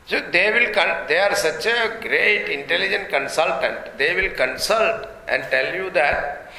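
Male spiritual teacher, Indian accent, slightly high and very forceful voice, explanatory discourse with humorous examples, recorded in a roomy, echoing space. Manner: switches between English and Hindi. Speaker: swami giving a spiritual teaching. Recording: roomy echoing hall, faint background noise.

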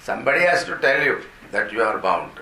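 An Indian-accented man speaks as a spiritual teacher in a bright, forceful voice. He explains scripture carefully, glossing each term as he goes. The room adds clear echo, with faint noise underneath. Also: on the low side, very animated. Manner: explanatory, repeats and glosses terms slowly. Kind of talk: Vedanta discourse with Sanskrit quotations.

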